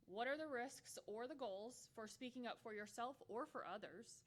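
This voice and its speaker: A woman's voice: fairly high pitch, normal speed. A woman giving a conference workshop talk, candid and humorous with playful asides. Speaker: workshop presenter.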